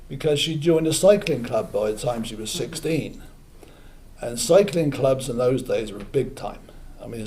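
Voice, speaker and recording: Older English man with a mellow voice. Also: mid-range voice, slight background noise. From England. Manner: halting, many fillers, chatty asides to the audience. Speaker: storyteller. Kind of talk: live storytelling. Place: small museum event room.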